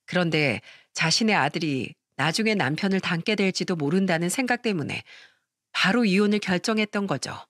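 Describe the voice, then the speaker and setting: A woman narrating a first-person story in a calm, steady, confiding way. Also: on the low side, fairly quick, no room sound, clean studio sound.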